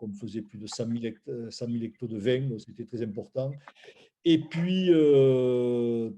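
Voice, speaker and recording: Warm in tone and medium in pitch, this man's voice comes with a little hiss or hum in the background. He is a guest in his sixties from Roussillon in southern France, the founder of a food brand, recounting his life informally through rambling anecdotes.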